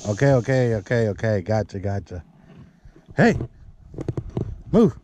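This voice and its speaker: A man's voice: on the low side, sing-song, a little slow, a little mellow. A young man vlogging while fishing from a canal bank outdoors, talking casually to the camera and to himself. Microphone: head-mounted action camera. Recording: outdoor action-camera audio with clear background noise.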